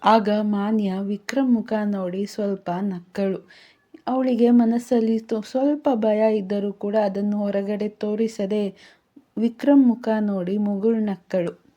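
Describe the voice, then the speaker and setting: Woman narrating a story, warm mellow voice, steady, kinda muffled audio. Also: mid-range voice, unhurried. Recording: dull lo-fi sound.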